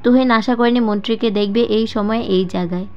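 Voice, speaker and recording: Reading a dramatic script in the manner of an audiobook narrator, this woman speaks briskly in a fairly high, steady, clean voice. Background music accompanies the dull, lo-fi recording.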